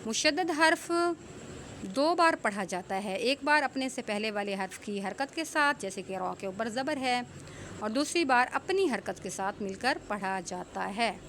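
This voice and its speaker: A high-pitched woman teaches recitation rules, explaining each point plainly and then drawing words out very slowly. A faint hiss of background noise sits under her voice. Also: expressive, a bit bright. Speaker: Quran tajweed teacher. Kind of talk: online tajweed lesson with slow drawn-out recitation.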